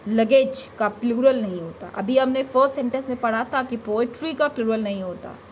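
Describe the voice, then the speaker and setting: A young woman teaching an English grammar lesson, explaining patiently, reading example sentences slowly and often checking that students follow. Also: on the high side, slight background noise.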